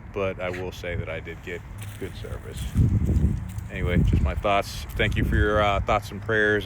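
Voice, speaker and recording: A man giving a casual, rambling update to his viewers as a pet vlogger, talking outdoors. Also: sits low. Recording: outdoor ambient noise.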